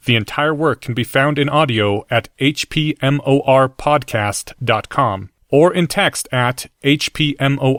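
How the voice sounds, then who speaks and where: A man reading audiobook narration in a steady, measured way. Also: mid-range voice, no echo.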